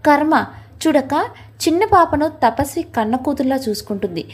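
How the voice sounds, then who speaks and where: A woman's voice: sits high, animated, normal speed. A woman voicing a protective husband who pleads and soothes. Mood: soothing. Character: gentle husband, soft-spoken, protective of wife.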